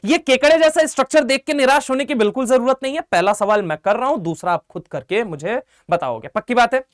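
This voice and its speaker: Speaking fast at an extremely high pitch, a male chemistry teacher runs an online exam-prep class with energetic call-and-response, firing off questions and coaxing students to reply, addressing them as "beta" and "bhai". The audio is studio quality with no echo.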